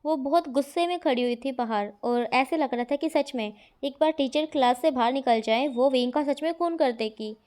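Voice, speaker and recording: A woman's voice: high-pitched, normal speed, few pauses, a little mellow. A woman narrating a fan-fiction story in a conversational manner, with asides to her listeners.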